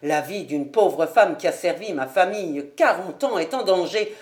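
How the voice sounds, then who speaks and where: A grave young nobleman with a low, earnest voice, read by a woman narrating a storybook. He presses his questions with urgency. The pitch sits noticeably lower than the reader's own. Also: expressive, normal speed, a little mellow, close to an everyday voice. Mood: urgent.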